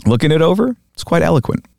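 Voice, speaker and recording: A man's voice: on the high side, moderate pace, gravelly, dry recording, studio quality. A young man co-hosting a casual comedy podcast, telling a story with a chuckle. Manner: animated storytelling, chuckles often. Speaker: podcast co-host.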